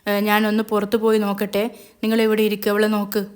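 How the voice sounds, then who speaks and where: A woman's voice: mid-range voice, completely flat delivery, fast, clear, resonant tone, lightly acted. A woman reading a caring fatherly head of the house. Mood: reassuring. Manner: reassuring, urgent.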